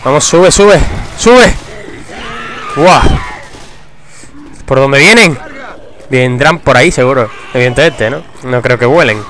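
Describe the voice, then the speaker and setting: A young man giving casual, excitable gameplay commentary, swearing and breaking into shouts. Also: medium pitch, slow pace, pauses often. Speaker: gamer. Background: game music.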